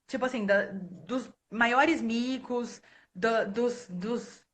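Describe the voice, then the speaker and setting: A woman in her thirties from Brazil tells stories from her work in a casual, animated way. She laughs often and slips into other people's voices when she quotes them. Her voice sits a little high, and she sounds like she is on a phone or webcam mic. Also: extremely slow. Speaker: guest speaker, librarian. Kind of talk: casual storytelling in a live talk. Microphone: phone or webcam on a live stream.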